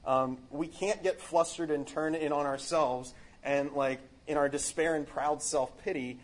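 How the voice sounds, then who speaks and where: A man's voice: a little high, fairly even intonation, unhurried. A man giving a casual, earnest spiritual reflection on a book, rambling with many fillers and restarts.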